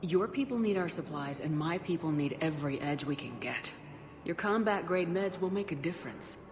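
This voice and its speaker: Commander Shepard, a woman as low-voiced steady soldier. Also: moderate pace, noisy background, lightly acted. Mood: firm. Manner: composed, direct, dry. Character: steady, wry female military commander, confident. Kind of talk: video game voice acting.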